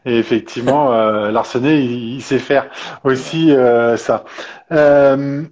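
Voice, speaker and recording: A man's voice: medium pitch, steady tone, slow, a little mellow. Man asking winding questions, dull lo-fi sound. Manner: long winding questions with many fillers. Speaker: podcast host, interviewer. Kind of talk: interview questions.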